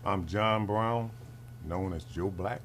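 A man's voice: fairly low pitch, takes it slowly, fairly bright tone, a little hiss or hum. A man in his forties from New Orleans, a barber and shop owner, telling his story in a casual, slangy documentary interview in his barbershop. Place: barbershop, indoors.

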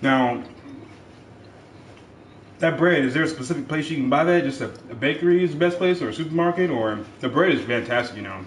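A man who is the guest taster on a casual home cooking show, relaxed and joking, filmed by a far camera in a kitchen. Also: a little high, a little fast. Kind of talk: casual chat. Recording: roomy kitchen from off-mic, noisy.

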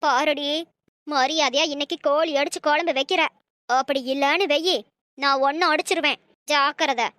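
A woman's voice: high-pitched, fairly even intonation, moderate pace, a bit bright, no echo. A woman voicing a bossy old mother-in-law in a cartoon, scolding and threatening.

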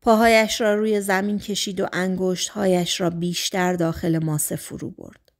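A woman narrating a novel in a calm, measured reading voice. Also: fairly low pitch, creaky. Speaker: audiobook narrator. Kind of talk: scripted narration.

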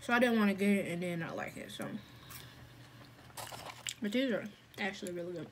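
Talking with her mouth full, a food vlogger chats casually through her mukbang vlog in a brisk, mid-range voice. A fan hums faintly in the background.

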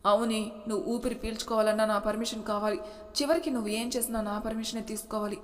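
A woman's voice: a little high, fairly even intonation, fast, big-room sound, close to an everyday voice. A woman voicing a short-tempered, possessive young husband who speaks in curt, commanding bursts, in a storybook reading. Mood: angry.

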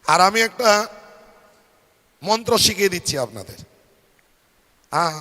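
With a high, sing-song, unhurried voice that is bright and forceful, a Bengali-accented male preacher gives a devotional sermon. He asks the audience rhetorical questions and has them repeat phrases, all echoing with long reverb in a large devotional-fair hall.

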